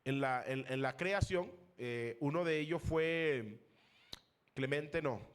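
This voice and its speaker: Pastor teaching, higher-pitched man. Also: clear, resonant tone. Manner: rising emphasis on key terms, asks questions to the class; pauses with fillers, searches for names. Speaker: pastor teaching a theology class. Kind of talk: classroom lecture.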